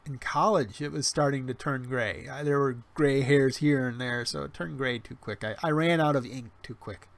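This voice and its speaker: Speaking at a moderate pace with few pauses, a gravelly-voiced man in his forties keeps up casual livestream chatter and reads comments. His mid-range voice comes through a webcam stream mic as he rambles, restarts, and jokes dryly about himself.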